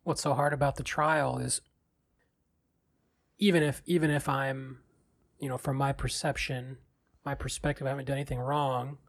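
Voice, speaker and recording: A man's voice: mid-range voice, flat delivery, moderate pace, creaky, long pauses. A man hosting a podcast, speaking earnestly and personally about his own struggles. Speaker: podcast host. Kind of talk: reflective podcast talk.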